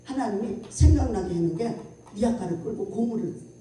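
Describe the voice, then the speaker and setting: A woman pastor giving a revival sermon with a personal testimony, telling it in an animated way, acting out voices and laughing often, recorded from far off in an echoey hall. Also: medium pitch, fairly quick, slight background noise. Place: church prayer house at a revival meeting.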